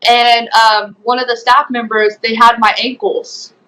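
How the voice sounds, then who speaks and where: A woman's voice: fairly high pitch, flat delivery, a little slow, bright, forceful tone, low-quality recording. A young woman giving a personal testimony as an interview guest, retelling events earnestly with many fillers. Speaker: guest, former program resident.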